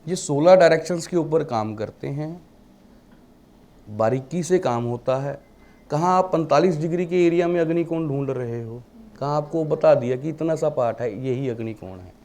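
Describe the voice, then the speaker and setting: A vastu teacher gives a classroom lecture in Hindi sprinkled with English terms, posing rhetorical questions to the class. His voice is on the high side and warm, at a normal speed.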